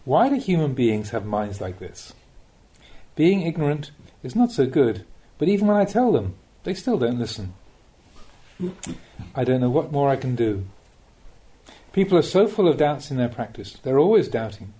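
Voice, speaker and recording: A man who is a Buddhist monk reads a written spiritual teaching for an audiobook, measuring each phrase and posing rhetorical questions. His mid-range voice has a mellow, sing-song quality.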